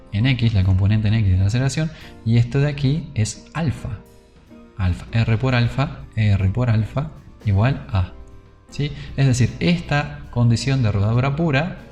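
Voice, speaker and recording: A man's voice: mid-range voice, warm tone. A young man giving an informal physics lesson, thinking aloud and checking in often with his students. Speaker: physics lecturer. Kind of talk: informal whiteboard lecture.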